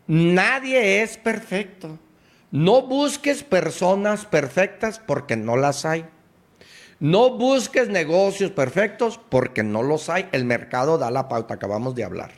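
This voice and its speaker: A man gives a motivational radio talk in a preachy, emphatic way, speaking straight to the listener. He talks slowly and deliberately, and his voice sits a little above the usual male range. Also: high-pitched.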